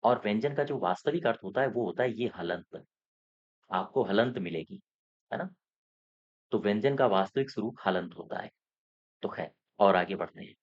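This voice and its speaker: A male exam coaching teacher with a fairly low voice goes through mock test answers. He repeats the key points and keeps checking that his students are following. The sound is muffled and lo-fi. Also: lively intonation, normal speed, long pauses.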